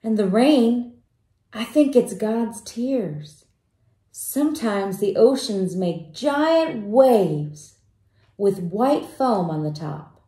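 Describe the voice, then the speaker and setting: A woman reading a children's picture book aloud in a slow, gentle way, stopping to ask young listeners questions. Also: mid-range voice, animated. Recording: roomy echo.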